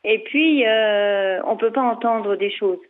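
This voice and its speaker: A woman's voice: mid-range voice, slow pace. Woman in her fifties on a phone line. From Portugal (parents). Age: 50s. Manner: hesitant, many fillers, earnest. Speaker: caller, retired social mediator. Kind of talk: radio phone interview.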